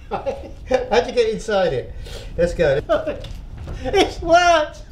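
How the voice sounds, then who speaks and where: A man's voice: very high voice, huge pitch swings, extremely slow. A man hosting a casual cooking demonstration, chatty and rambling and laughing often as he tells jokes. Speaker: cooking show host. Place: outdoors, windy. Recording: echoey with faint ambient noise.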